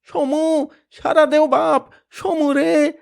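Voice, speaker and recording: A man voicing a poor older father who pleads and wails in grief, his voice pushed high and strained. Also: little pitch movement, very slow, gravelly, exaggerated voice. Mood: wailing. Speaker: character in a novel reading.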